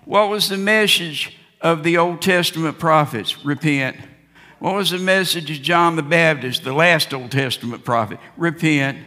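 Man, preacher, wrathful prophetic admonishing, high-pitched, emphatic repetition, long hall reverb. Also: moderate pace, sharp tone. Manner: fiery, admonishing, like a wrathful prophet calling for repentance; emphatic, repeating key phrases. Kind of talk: Bible-exposition sermon.

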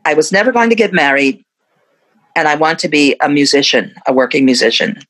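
A woman in her fifties speaks in a casual interview as a musician guest, her voice sitting somewhat low. She is reflective and laughs often between thoughts. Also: lively intonation, brisk, fairly bright tone, rough recording. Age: 50s.

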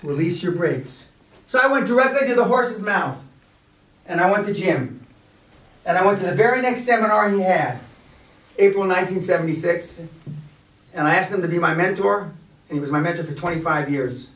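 Older guy cussing his way thru a motivational seminar, kinda high voice, far off in an echoey room. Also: moderate pace, pauses often. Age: 60s. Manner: blunt, swearing, animated storyteller. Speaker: business coaching seminar leader. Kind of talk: profane motivational seminar talk. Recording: echoey room heard from afar.

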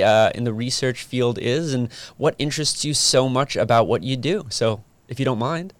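An upbeat man hosts his interview podcast in a friendly, chatty way, now and then reaching for an um or uh. His voice is smooth and resonant. The sound is dry and close, with no room echo. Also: mid-range voice. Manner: upbeat, friendly, some filler words. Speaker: podcast host.

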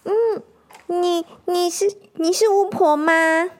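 A woman voicing an eager little boy hedgehog in a storybook reading, speaking in a stammering, excited way. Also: very high voice, slow, pitched above the performer's own voice.

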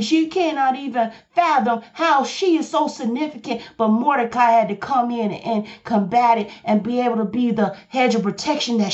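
A woman's voice: fairly high pitch, darkish tone, lo-fi sound. A woman preaching a sermon, firing emphatic rhetorical questions at her congregation.

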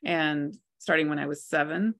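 Low-voiced woman in her forties. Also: normal speed, a bit bright. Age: 40s. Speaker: guest, author and healer. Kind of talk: interview.

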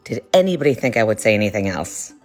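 Very deep-voiced woman, teasing and emphatic. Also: big pitch swings, quick pace, faint music behind. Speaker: caller leaving a voicemail.

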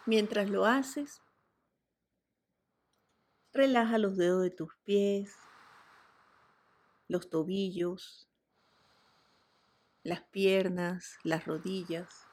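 A woman guiding a relaxation meditation in a soft, soothing voice, with breathy whispered cues. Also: mid-range voice, fairly even intonation, very slow, long pauses. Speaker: meditation guide.

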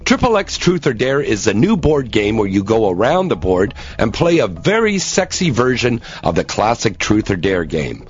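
A man delivers a salesy infomercial pitch as a scripted ad announcer. His voice sits fairly low and swings in animated fashion. The audio is a bit dull and lo-fi. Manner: salesy pitch, spells out web address slowly. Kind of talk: infomercial-style scripted ad read. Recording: dull lo-fi audio with faint music bed.

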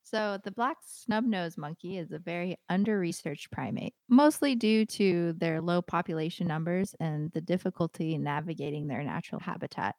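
A woman's voice: on the low side, normal speed, creaky, hardly any pauses, a little mellow, no echo. A young woman co-hosting a podcast, chatting in a friendly way and reading out a segment. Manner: friendly, giggly, conversational. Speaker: podcast co-host. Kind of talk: casual chat and read-out segment.

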